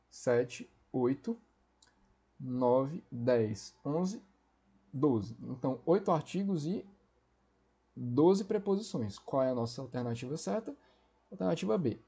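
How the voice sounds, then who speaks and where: A man teaching a Portuguese grammar lesson for exam preparation, explaining step by step and checking in often with quick tag questions. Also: on the high side, dark tone, slightly rough.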